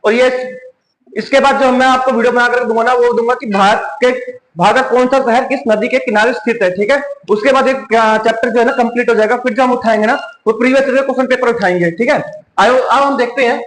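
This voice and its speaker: A man's voice: very high-pitched, fairly even intonation, fairly quick, fairly bright tone. A man with a Hindi accent teaching an exam-prep lesson, repeating each question and answering it himself. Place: coaching classroom. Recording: echoey room.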